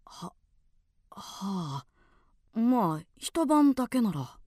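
An actress playing a polite, deferential clothing shop clerk in a radio drama, hesitant and slightly puzzled. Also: female voice, medium pitch, big pitch swings, drawn-out words.

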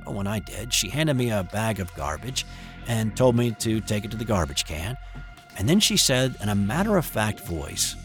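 An older man telling his own eerie childhood story in the first person, hesitant and hushed, with small restarts. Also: lowish voice, sing-song, moderate pace, soft background music. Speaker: narrator of a true eerie story.

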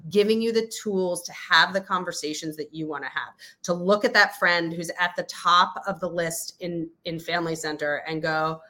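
A woman's voice: lowish voice, normal speed, few pauses, pushed and bright. A woman in her fifties, a guest in a podcast interview, explaining at length with many fillers and restarts. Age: 50s. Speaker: interview guest, company spokesperson. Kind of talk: casual interview chat.

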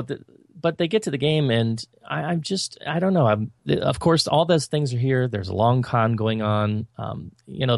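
A man's voice: medium pitch, creaky, no echo, studio quality. A man co-hosting a podcast, reviewing films in casual chat with an opinionated, critical and rambling manner. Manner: loose, rambling delivery.

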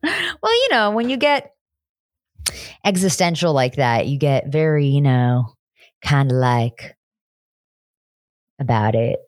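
Low-voiced woman with dry jokes. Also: sing-song, takes it slowly, long pauses, no echo. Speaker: podcast co-host. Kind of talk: casual recap chat.

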